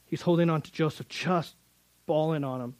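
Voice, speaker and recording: A man's voice: on the high side, fairly even intonation, normal speed, a little mellow, dry recording. A man teaching through a Bible passage in earnest, often repeating words as he builds emphasis.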